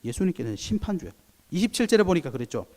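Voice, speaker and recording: A man's voice: high-pitched, sing-song, racing, darkish tone. A male pastor preaching a sermon, acting out the voices he quotes. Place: church sanctuary. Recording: long church hall reverb.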